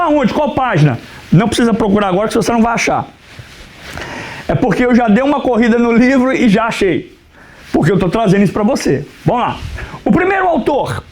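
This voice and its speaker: A man's voice: very high voice, normal speed. A man, a pastor, teaching an Old Testament class and asking his students questions that he then answers himself. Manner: animated teacher who asks questions and answers them himself; keeps telling students to write things down.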